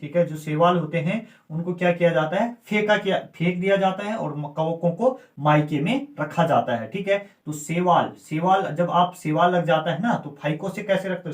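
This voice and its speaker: High-voiced teacher in an echoey room. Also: male voice. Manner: repeats key terms, asks and answers his own questions. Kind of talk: exam-prep lecture with memory tricks.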